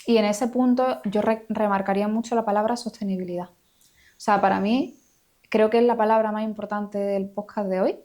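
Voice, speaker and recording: A woman's voice: medium pitch, steady tone, moderate pace, dark tone. A woman psychologist, explaining her ideas in a reflective, conversational interview, often checking in with "¿no?". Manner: reflective, explanatory, many filler "eh" and "¿no?". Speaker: psychologist guest.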